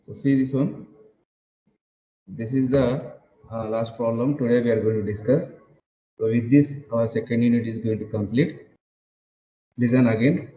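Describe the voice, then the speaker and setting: Dark-voiced male lecturer, screen-recorded online class. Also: medium pitch. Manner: halting, repeats phrases, many "uh" fillers. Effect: screen-recorded online class audio. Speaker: engineering lecturer. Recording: dull lo-fi roomy sound with faint noise.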